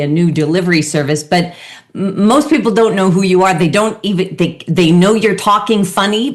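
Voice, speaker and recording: Woman, interview host, coach, encouraging, chatty, fairly low voice. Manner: encouraging, chatty, laughs often. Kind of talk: interview conversation.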